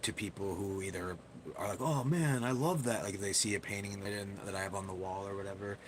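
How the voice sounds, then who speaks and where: A man hosts a casual livestream, talking fast in a low voice, rambling loosely and poking fun at himself. The rough recording carries a steady background hiss.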